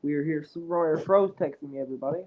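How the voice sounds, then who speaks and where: A man's voice: fairly high pitch, fast, phone-quality sound, heavy background noise. A young man who is sick, chatting casually as a podcast co-host. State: sick with a cold or similar illness.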